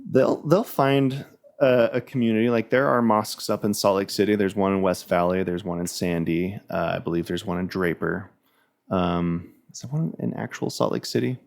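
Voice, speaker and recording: A man with a very low voice and a gravelly, fried texture talks casually as a podcast guest. He rambles, restarts his sentences and fills his speech with "like" and "um" as he explains things. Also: steady tone, moderate pace. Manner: rambling, many restarts and "like" fillers.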